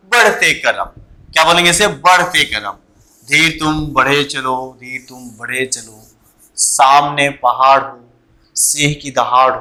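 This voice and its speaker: A man's voice: on the high side, pushed and bright, rough recording. A man teaching an online vocabulary class, asking questions and answering them himself and repeating the key words.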